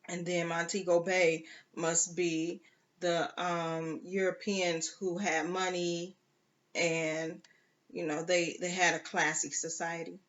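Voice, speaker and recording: A reader works through a novel aloud at an unhurried pace. The reading stumbles now and then with fillers and restarts and breaks off for chatty asides. The recording is dull and lo-fi. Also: mid-range voice, level tone, fairly bright tone. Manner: slow, halting, with fillers and self-corrections. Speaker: storybook reader.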